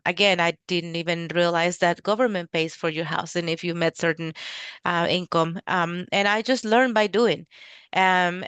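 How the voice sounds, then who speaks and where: A middle-aged woman from Mexico hosting a casual webinar, talking in a halting way with many restarts and fillers. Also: lowish voice, clean tone, no echo. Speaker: real estate investor hosting a webinar.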